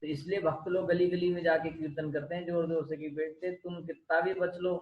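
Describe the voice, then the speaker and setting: A man giving a lively devotional scripture talk, often asking his listeners rhetorical questions. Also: on the high side, fairly quick. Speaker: spiritual lecturer. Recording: echoey dull room recording.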